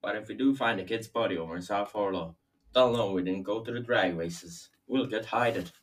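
A worried, hesitant boy acted by a man in an amateur drama read-through, heard at a distance from the mic. He is doubtful, and his voice is on the low side. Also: normal speed, slight background noise, lightly acted. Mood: worried, reluctant. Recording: distant from the microphone.

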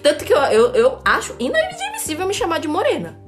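A woman's voice: extremely high pitch, wildly swooping pitch, brisk, faint music behind. A Brazilian woman co-hosting a casual podcast chat. She tells stories with a lot of laughter and acts out other people's lines. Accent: Brazilian Portuguese. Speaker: podcast co-host.

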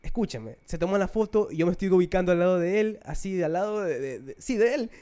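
Fast-talking man telling stories. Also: high-pitched. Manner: animated storyteller who acts out quoted lines. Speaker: podcast co-host. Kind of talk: casual chat.

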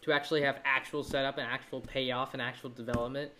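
A man co-hosting a podcast in casual chat, animated and acting out silly voices while he talks. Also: mid-range voice, fast. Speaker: podcast co-host.

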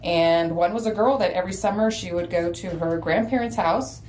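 A woman's voice: fairly low pitch, normal speed, a little mellow, slight background noise, rough recording. A woman in her forties, from Texas, co-hosting a podcast in casual chat and talking in a loose way with many fillers and restarts. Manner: conversational, with many fillers and self-corrections. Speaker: podcast co-host.

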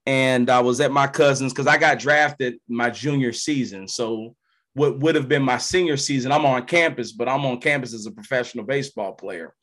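A man's voice: mid-range voice, normal speed, fairly bright tone. A former pro ballplayer talks as a podcast guest, with a voice that sits in the middle of the male range. He tells his story in loose, slangy language and acts out the voices of the people in it. The talk stays easygoing. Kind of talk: casual storytelling.

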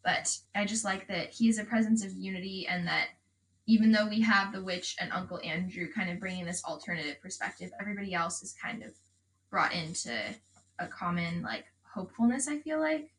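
A woman's voice: mid-range voice, fairly quick, a bit bright, low-quality recording. A woman co-hosting a podcast, thinking aloud in a casual, thoughtful way. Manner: thoughtful, with fillers. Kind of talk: casual discussion.

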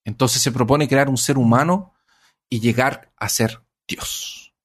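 A man's voice: mid-range voice, takes it slowly, slightly rough. A man casually retelling a myth in conversation, rambling and self-correcting as he goes. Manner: rambling with many fillers and restarts, self-correcting.

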